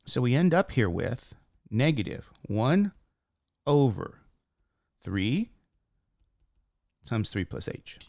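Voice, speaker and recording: Man, math teacher, squeaky voice, mid-range pitch, informal step-by-step explaining, self-posed questions, very dry sound. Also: sing-song, slow pace, gravelly, long pauses, a little mellow, dry recording. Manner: talks through steps, posing and answering questions. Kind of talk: informal worked-example lesson, thinking aloud.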